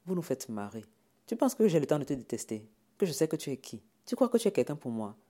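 A man voicing a weary young woman who speaks in a low, guttural, scornful way. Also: expressive, fast talker, warm tone, natural voice. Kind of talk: audiobook character voice.

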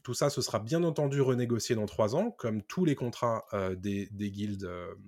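Low-voiced man hosting a podcast. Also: moderate pace, a little mellow, dry recording, studio quality. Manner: hesitant, many fillers. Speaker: podcast host. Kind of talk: casual pop-culture news chat.

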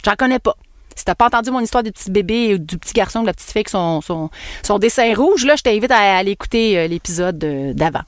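Animated Québécoise podcast host, dry close mic. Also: female voice, quick pace, dry recording. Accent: Québécois French. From Quebec. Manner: animated and playful, swooping pitch, laughs at herself. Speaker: podcast host and NLP coach. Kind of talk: casual solo podcast monologue.

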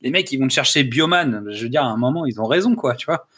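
A man's voice: mid-range voice, lively intonation, quick pace, fairly bright tone, slightly rough. A man hosting a casual film podcast, joking, laughing and reading out summaries. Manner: jokey, laughs often, reads summaries aloud. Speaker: podcast host.

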